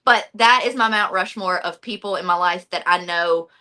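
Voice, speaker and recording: A woman in a casual interview chat, telling stories in an animated way and acting out quotes. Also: fairly low pitch, moderate pace. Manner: animated storyteller, acts out quotes. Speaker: wrestling announcer, interview guest.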